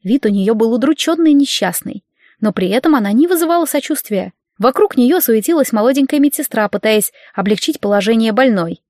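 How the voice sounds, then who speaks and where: A woman narrating a fantasy audiobook in the first person, with a wry, lively delivery. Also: on the high side, a little fast, no room sound, studio quality.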